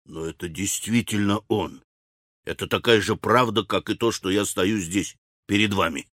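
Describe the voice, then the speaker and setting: A male audiobook reader voicing a scheming, level-headed young man who speaks in a low, measured, conspiratorial way. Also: fairly bright tone, dry recording, studio quality, lightly acted. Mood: stern. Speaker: audiobook character. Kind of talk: audiobook character reading.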